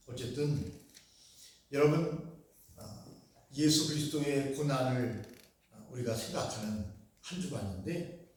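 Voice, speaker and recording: Lively Korean pastor in an echoey hall. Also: male voice, a little high, far from the mic, a little hiss or hum. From Gyeongsang Province, Korea. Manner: conversational, asks the congregation questions. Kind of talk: sermon.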